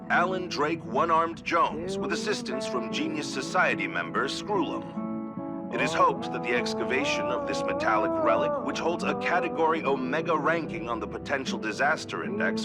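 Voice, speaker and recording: A man voicing a polished corporate news announcer in a video game, with formal, emphatic, declamatory delivery. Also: a little high. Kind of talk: scripted news broadcast, video game voice acting.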